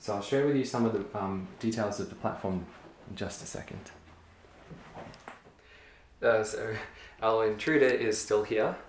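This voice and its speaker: Young man, relaxed and chatty, lots of ums, echoey room, faint background noise. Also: lowish voice, a little slow, pauses often. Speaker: LEGO hobby vlogger. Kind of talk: casual show-and-tell. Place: carpeted room at home.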